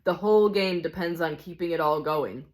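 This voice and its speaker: Once more a woman plays the cynical, hard-bitten ghost, giving him a man's voice on the high side, lightly acted at normal speed. The mood is bitter and scornful as he keeps grumbling insistently with rhetorical questions.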